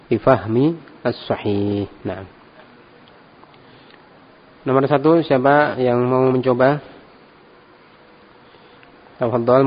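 A middle-aged man, teaching a classroom lesson in a relaxed, encouraging way and tagging his phrases with a questioning "ya". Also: mid-range voice. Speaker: Arabic teacher, religious instructor. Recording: dull recording with long hall reverb and faint ambient noise.

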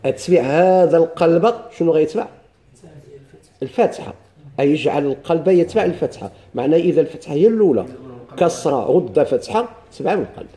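Moroccan male teacher, slightly high but very mellow, dark voice, walks students through grammar and quizzes them as he goes. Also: expressive, fast. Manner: explains step by step, quizzing students with questions. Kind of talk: classical grammar lesson.

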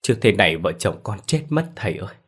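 A man's voice: animated, moderate pace, husky. A man voicing a grieving old village mother who wails and curses over her daughter's grave. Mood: pleading. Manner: wailing, shrill cries.

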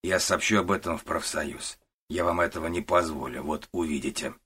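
Man playing an old stubborn worker guy, slow, quiet, husky. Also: deep voice, exaggerated voice. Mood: defiant. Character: stubborn old male warehouse worker, about sixty.

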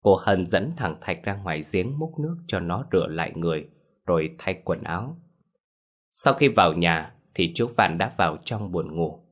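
A male storyteller narrating a horror tale. His voice sits very low, and he keeps his delivery steady and measured.

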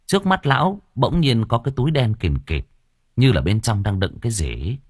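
A man narrating a horror audiobook in a lively storytelling manner. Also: mid-range voice, normal speed.

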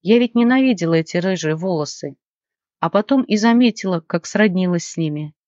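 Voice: mid-range voice, animated, a little fast, a little mellow, no echo, natural voice. A reader voicing a heartfelt young woman thanking a fairy in a fantasy audiobook, recorded dry and somewhat dull. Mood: grateful. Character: young woman, grateful bride. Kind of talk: audiobook character reading.

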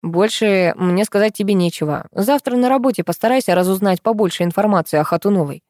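A woman's voice: medium pitch, a little fast, darkish tone, no room sound, lightly acted. A woman reading a dry, wry man. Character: calm, wry adult man, a friend. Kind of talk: audiobook reading.

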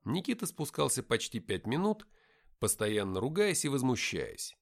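A man reading a first-person adventure audiobook, with lively, dry-humored storytelling. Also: medium pitch, moderate pace, gravelly. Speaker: audiobook narrator.

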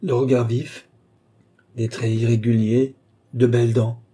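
A man voicing an entranced woman seer who answers obediently and haltingly. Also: medium pitch, level tone, dark tone, husky. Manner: halting, submissive replies.

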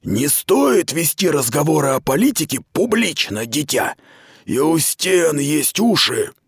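A man's voice: on the high side, very animated, unhurried, vocal fry, breathy edge, no echo, voice pushed up, full character voice. A man reading the part of a stern, dry middle-aged commander who talks down to a young woman in a storybook reading. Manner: cold, clipped, patronizing.

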